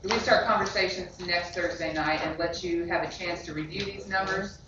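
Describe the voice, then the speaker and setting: A woman serving as mayor, chairing a public budget meeting in a brisk, direct way. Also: on the low side, steady tone. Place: council meeting room. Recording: echoey room from far off, muffled, noisy.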